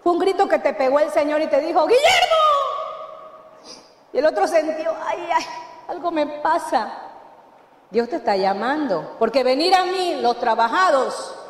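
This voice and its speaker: High-voiced woman pastor preaching in an echoing hall. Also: animated, brisk, few pauses. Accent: Mexican Spanish. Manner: emphatic preaching with call-and-response questions. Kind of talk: sermon. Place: church hall. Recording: echoey church hall, long reverb.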